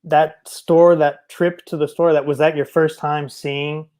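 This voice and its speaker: A man's voice: a little high, flat delivery, a little slow, a little mellow. A man hosting a casual podcast stream, reacting and asking his guest a question. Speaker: host. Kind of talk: casual chat.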